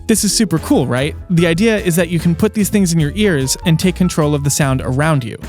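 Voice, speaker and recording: Male tech video host, dry close voice, slightly high, wry conversational scripted read, light music underneath. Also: fairly quick. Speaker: host and reviewer. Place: small soundproofed closet.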